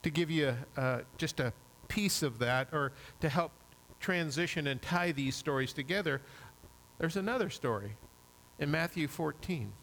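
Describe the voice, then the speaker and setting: A man's voice: fairly high pitch, animated, measured pace, fairly bright tone, rough recording. A man preaching a sermon, retelling a Bible story vividly in the second person.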